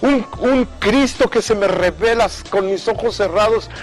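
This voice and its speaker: A man's voice: high-pitched, measured pace, faint music behind. A middle-aged man giving an emotional personal testimony in an earnest way, often repeating words for emphasis. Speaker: speaker giving a religious testimony.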